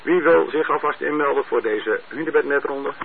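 A man's voice: fairly high pitch, moderate pace, vocal fry. A man heard over a two-way radio transmission, running an amateur radio net and reading out call signs with many hesitant fillers. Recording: narrow tinny radio with faint hiss.

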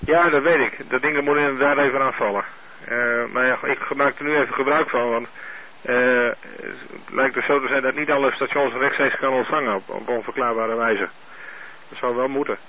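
A man running an amateur radio net, heard over a two-way radio link, speaking in a steady, methodical way and spelling out call signs. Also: medium pitch, moderate pace. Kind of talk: radio net check-ins. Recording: narrow tinny radio with faint hiss.

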